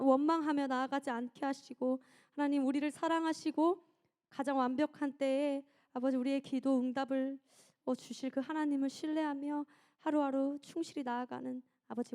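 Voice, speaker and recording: A woman leading fervent prayer between sung worship lines, with music playing underneath. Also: high voice. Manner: fervent, rising from soft murmured prayer to loud sung pleading. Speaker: worship leader. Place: church sanctuary.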